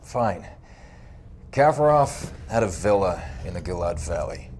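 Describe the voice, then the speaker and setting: Low-voiced, defiant army sergeant. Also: male voice, big pitch swings, measured pace, darkish tone, slight background noise. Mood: grim, subdued. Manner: terse, exasperated, urgent. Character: weary, defiant male army sergeant pleading his case. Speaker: soldier under interrogation. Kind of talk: dramatic video game acting.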